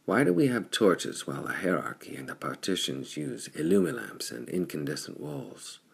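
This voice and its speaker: Male narrator doing a resolute pirate captain: very low, gravelly, earnest. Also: wildly swooping pitch, normal speed, heavily acted. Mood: determined. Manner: earnest, determined. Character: bold red-haired pirate chief, adult male, defiant.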